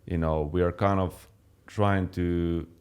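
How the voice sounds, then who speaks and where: A young man from Finland chatting casually as a fitness channel co-host, relaxed, with many fillers and restarts. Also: low-pitched, takes it slowly, smooth. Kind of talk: casual chat.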